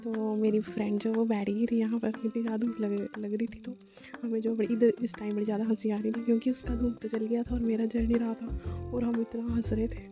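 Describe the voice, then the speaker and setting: A woman's voice: fairly high pitch, completely flat delivery, a little fast, over music. A young woman narrating her day out with a friend in a rambling, chatty vlog voice-over, full of fillers. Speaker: vlogger.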